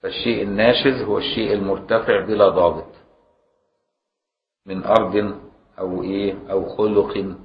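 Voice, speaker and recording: An Egyptian man with a very low voice lectures on a classical law text as a religious scholar. He mixes formal recitation with colloquial explanation and poses rhetorical questions to his students. The recording is roomy and dull, like an old lecture tape. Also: steady tone, normal speed, pauses often. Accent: Egyptian Arabic. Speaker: religious scholar teaching a book.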